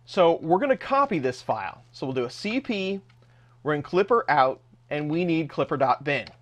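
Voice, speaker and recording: A man's voice: a little high, sing-song, normal speed, fairly bright tone. A man narrating a screen-recorded tech tutorial step by step in a casual, plain way. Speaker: host of a 3D printing tech channel.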